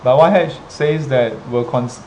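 Rain and ambient noise are clearly audible behind a Singaporean-accented man whose mid-range voice is a little mellow. As a livestream host and teacher talking to students, he casually shares a story with viewers in a hesitant, halting way, frequently pausing and repeating.

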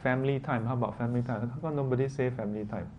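A man's voice: mid-range voice, steady tone, very fast, highs cut off. A man with a Singaporean or Malaysian accent teaching a class informally, conversational and often tossing out short questions with local particles. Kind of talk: informal interactive lesson. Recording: clearly noisy room ambience.

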